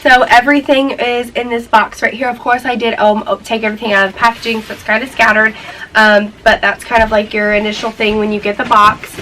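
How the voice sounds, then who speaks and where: A woman's voice: fairly high pitch, flat delivery, a little fast, bright, forceful tone, distant mic, slight background noise, rough recording. A young woman vlogging a casual beauty unboxing from her bedroom floor, a bit stuffy from a cold, chatty and bubbly, laughing often.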